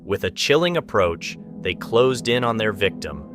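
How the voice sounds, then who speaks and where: A man's voice: fairly low pitch, very animated, moderate pace, music in the background. A man reading a dramatic scripted narration for a video as its narrator.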